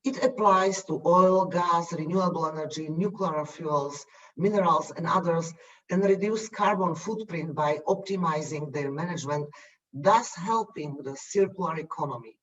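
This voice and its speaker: A man delivers formal panel remarks in a measured way, ticking off points one after another. His voice sits a little high. The sound is distant and dull, as if he were well back from the microphone on a call. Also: fairly bright tone. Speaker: UN official panelist. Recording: distant, muffled video call audio.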